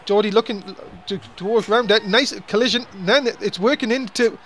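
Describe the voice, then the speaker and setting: A man calling a wrestling match play by play, excitable and quick to grumble. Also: high voice, slight background noise. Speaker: wrestling commentator.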